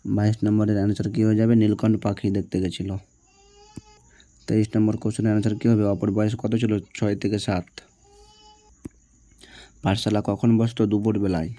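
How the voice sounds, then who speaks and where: A man's voice: lowish voice, flat delivery, normal speed, pauses often, warm tone. A man teaching, working through exam answers one by one and often checking with his students. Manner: reads each question, answers it, checks with "ঠিক আছে?".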